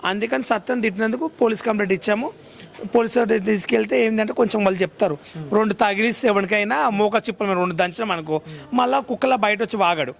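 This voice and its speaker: A man's voice: sits high, fast, vocal fry. A man, giving a heated interview and mimicking others in broken English.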